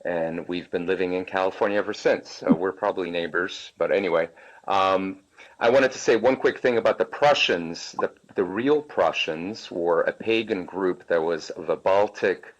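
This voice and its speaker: A man from Poland calling into a live stream, asking an earnest, curious question in a halting way. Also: low-pitched. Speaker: caller. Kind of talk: casual chat. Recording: dull lo-fi audio.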